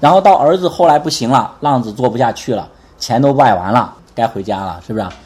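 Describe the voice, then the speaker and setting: Fast-talking husky male preacher. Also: mid-range voice. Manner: lively, keeps asking the congregation for responses. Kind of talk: conversational sermon.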